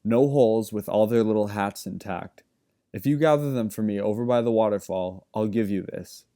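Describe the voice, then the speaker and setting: Storybook figure: man voicing a teasing, smug trickster, low warm tone, unhurried. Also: lightly acted. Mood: bargaining.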